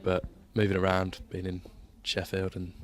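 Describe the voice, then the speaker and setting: A man's voice: sits low, monotone, normal speed, noisy background. A young man from Birmingham with a faint Birmingham accent, chatting easily in an interview. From Birmingham, England. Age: young adult. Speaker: university student, torch relay participant. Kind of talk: casual interview chat.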